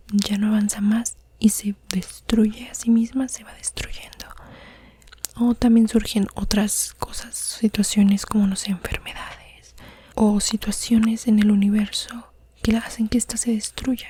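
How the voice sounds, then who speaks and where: A woman whispers softly under her breath in an ASMR podcast style. Her delivery is even and mellow, with little movement in pitch. A faint noise sits behind her voice. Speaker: podcast host. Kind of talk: soft-spoken ASMR podcast monologue.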